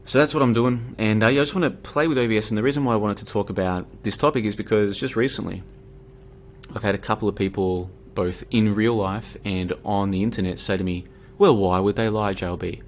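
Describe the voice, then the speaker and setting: A tired Australian man talks through a casual, argumentative monologue on his own livestream, with plenty of fillers and restarts. His voice sits fairly low. A faint hiss runs under the recording. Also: a little fast. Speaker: livestream host. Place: home room.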